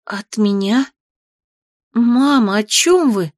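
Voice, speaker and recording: A woman reading an audiobook, voicing a spirited young woman who answers in quick, startled questions. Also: on the high side, animated, a little mellow, dry recording, clean studio sound. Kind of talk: audiobook character voice.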